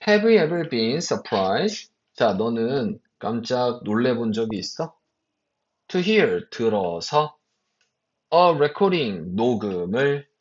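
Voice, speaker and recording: A man teaching an English exam passage as a lecture, reading English phrases slowly with stress and asking his students quick rhetorical questions. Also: mid-range voice, big pitch swings. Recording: dull lo-fi recording.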